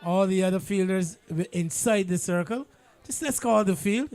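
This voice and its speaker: Bajan guy doing live cricket commentary, pretty high voice, explains stuff in a measured way. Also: darkish tone.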